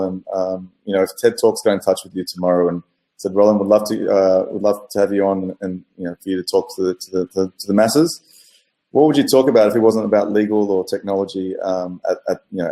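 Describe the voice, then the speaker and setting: Low, mellow-voiced podcast host. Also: male voice. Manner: rambling questions with many fillers. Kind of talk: casual interview.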